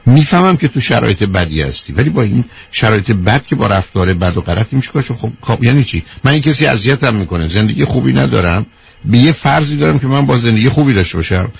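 A man's voice: medium pitch, lively intonation, vocal fry, breathy edge. A man hosting a radio call-in advice show, talking directly and lecturing his caller, calling her dear. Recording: dull radio broadcast sound.

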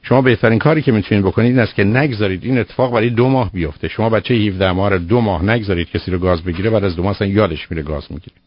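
A man's voice: fairly low pitch, hardly any pauses, slightly rough. Firm lecturing man on radio. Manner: firm, lecturing, explains with everyday examples. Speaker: child psychologist answering a caller. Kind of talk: radio call-in advice. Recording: dull lo-fi radio broadcast.

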